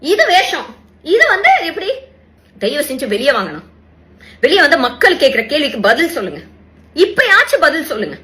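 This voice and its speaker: A woman's voice: high-pitched, huge pitch swings, brisk, pauses often, bright, forceful tone. A woman, giving an indignant political rant full of rhetorical questions in a social media video.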